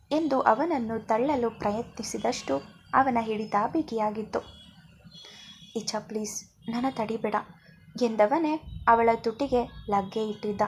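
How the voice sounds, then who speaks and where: A woman narrates a spoken story in a steady, scripted reading style. Her voice sits a little high and carries a husky, breathy edge. She drops to a softer tone whenever she voices the characters' lines. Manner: reads dialogue in softened voices for each character.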